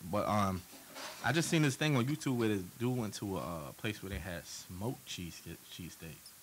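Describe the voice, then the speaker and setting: A man's voice: lowish voice, moderate pace, a little hiss or hum. A man telling stories in a casual group chat, laughing often. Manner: animated storyteller, laughs a lot. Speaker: co-host.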